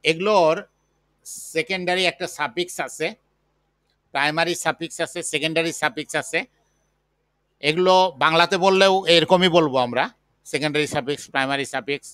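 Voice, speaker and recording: A man teaching a chemistry class, slowly dictating the material. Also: fairly high pitch, bright, forceful tone, smooth, dry recording. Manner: slow, patient dictation. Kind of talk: classroom lecture.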